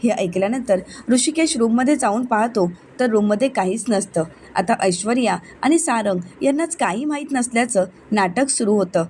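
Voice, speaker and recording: A woman's voice: a little high, expressive, moderate pace, few pauses, darkish tone, slight background noise. A woman narrating a recap of a television serial, acting out the characters' quoted lines with her voice rising.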